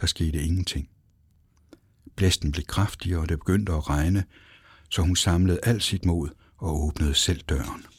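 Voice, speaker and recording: Deep, husky storybook narrator man. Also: dry recording. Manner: expressive, dramatic.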